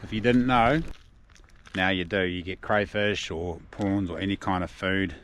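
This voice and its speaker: A man's voice: low voice, steady tone, normal speed, fairly bright tone. A man from New Zealand with a broad Kiwi accent, talking casually and slangily in an outdoor adventure vlog in a laid-back manner. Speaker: vlogger. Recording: noisy outdoor recording with ambient sound.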